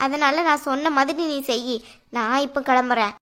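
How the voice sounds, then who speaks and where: A woman's voice: high voice, normal speed, fairly bright tone. A woman acting as a scheming aunt in a family drama, giving orders in a bossy, conspiratorial way. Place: indoors at home.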